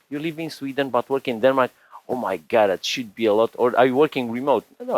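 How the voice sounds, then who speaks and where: Brief: man, 40s, from Romania, conference tech speaker, rambling and chatty, mid pitch, dry close mic. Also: no room sound, rough recording. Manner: chatty, rambling, frequent restarts and "you know" fillers. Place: conference stage.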